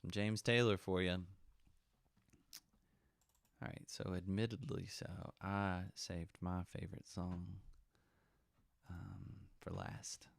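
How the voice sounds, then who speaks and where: A man who works as a music therapist, talking quietly and casually about songs on a live stream. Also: deep voice, animated, slow pace, gravelly, long pauses, no echo.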